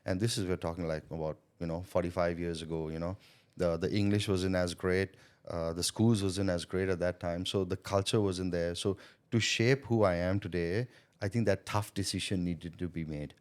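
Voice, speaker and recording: A low-pitched, steady, clean voice at normal speed comes from a middle-aged Thai sales consultant on a podcast. Chatty and reflective, he tells his story in casual interview fashion, often checking in with "you know" and "right?".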